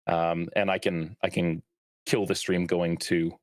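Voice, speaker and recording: A man running a live-streamed tabletop game as dungeon master, talking in a relaxed way with lots of fillers and easy laughter. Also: low voice, unhurried, no room sound, studio quality.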